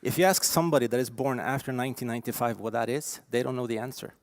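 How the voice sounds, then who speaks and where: A man's voice: medium pitch, quick pace, no echo. Norwegian-accented man giving an emphatic keynote. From Norway. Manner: lively, emphatic, with frequent fillers. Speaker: keynote speaker. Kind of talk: conference keynote talk. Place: conference stage.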